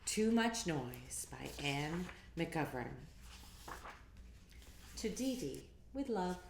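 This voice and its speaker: A woman with a deep voice and vocal fry reads a picture book aloud to children, drawing out her words in an encouraging sing-song. She makes interactive asides to her young listeners. The room is echoey and the background noisy.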